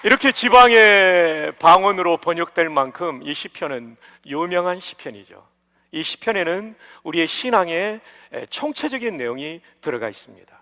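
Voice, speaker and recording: Animated high-voiced male pastor preaching. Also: moderate pace. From Daejeon, South Korea. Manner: animated, explanatory preaching with questions to the congregation. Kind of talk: revival sermon. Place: church sanctuary. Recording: long church hall reverb.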